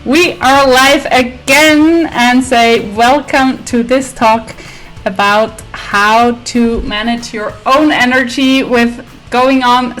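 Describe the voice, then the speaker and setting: A woman's voice: fairly high pitch, fairly bright tone. A woman hosting a podcast roundtable, upbeat and encouraging as she introduces her guests. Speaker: podcast host. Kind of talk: hosting a casual video roundtable.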